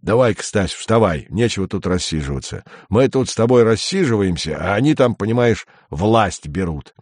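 A man's voice: fairly low pitch, expressive, darkish tone, no echo. A man voicing an older rural man who talks unhurriedly and sardonically in a dry recording. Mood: rousing. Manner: unhurried, venomous.

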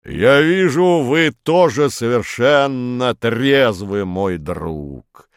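A man voicing a huge, boisterous, red-cheeked baron who talks in a booming, drawn-out, blustering way, in a storybook reading. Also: big pitch swings, no echo, clean studio sound. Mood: booming jovial.

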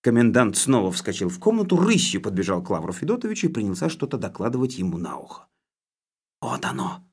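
A man reading an audiobook aloud with lively, expressive storytelling. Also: on the low side, quick pace, hardly any pauses, breathy edge. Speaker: audiobook narrator.

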